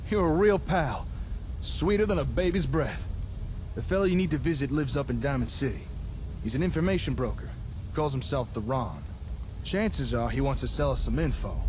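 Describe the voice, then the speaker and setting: An actor playing a folksy, chatty and enthusiastic scavenger engineer companion in a video game. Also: male voice, fairly high pitch, noisy background, close to an everyday voice.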